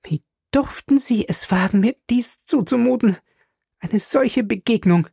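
A man reading the part of a proud, wounded young woman who speaks in high, trembling reproaches. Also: animated, normal speed, a little mellow, breathy edge, no room sound, clean studio sound. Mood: indignant.

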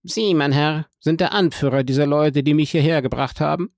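A man's voice: on the high side, normal speed, gravelly, darkish tone, no echo, voice pushed up. A panicked, greedy banker pleads and haggles for his life in an audiobook, as a male reader puts him on. The voice sits well above the reader's own, dry and close. It turns frantic and defiant by turns. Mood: demanding. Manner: pleading, bargaining, rising to frantic outbursts. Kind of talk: audiobook reading.

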